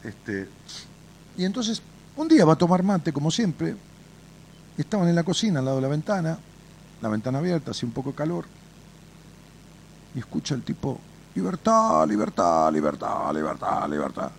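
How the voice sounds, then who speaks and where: Fairly quick and creaky, with long pauses and a little hiss or hum, this higher-pitched Argentine man gives radio advice through folksy stories. Blunt, colloquial and free with swear words, he talks straight to the caller with lively storytelling.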